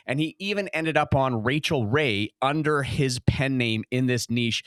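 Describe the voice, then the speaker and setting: A man's voice: mid-range voice, fairly bright tone, no room sound, studio quality. A man hosting a podcast interview, talking casually with many fillers and restarts. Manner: halting, full of fillers and restarts. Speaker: podcast host.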